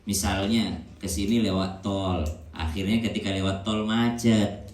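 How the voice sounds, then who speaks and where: A male preacher giving a sermon, telling stories in a lively way and acting out the voices of the people he quotes. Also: lowish voice, a little slow, slight background noise. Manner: animated storytelling, acts out quoted voices. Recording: echoey room with faint ambience.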